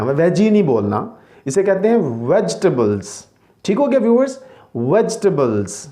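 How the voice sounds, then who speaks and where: A man's voice: high-pitched, warm tone. A man who teaches English pronunciation, patiently repeating each word and checking in with his viewers. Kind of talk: slide-based language lesson.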